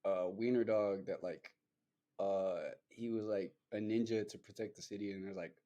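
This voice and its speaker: Mellow-voiced man in loose casual chat. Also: on the low side, fairly even intonation, normal speed, highs cut off. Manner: loose and rambling, full of fillers and swearing. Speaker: podcast host.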